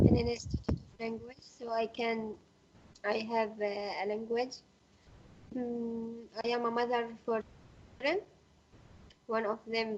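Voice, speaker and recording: A woman whose first language is Arabic, a law student and mother, introducing herself haltingly in simple words. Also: a little high, a little mellow, lo-fi sound, slight background noise. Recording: faint, distant online call audio.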